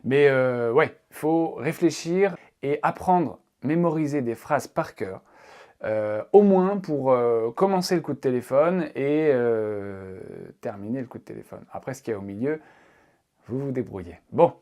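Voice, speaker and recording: A man's voice: medium pitch, a little slow, a little mellow. A man teaching a casual spoken language lesson, playful and joking as he explains. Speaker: English teacher.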